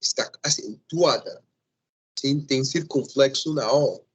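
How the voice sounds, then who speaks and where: A man teaching a Portuguese class, correcting students' mistakes slowly and deliberately and checking in with a frequent "sim?". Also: medium pitch, husky. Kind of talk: classroom lecture.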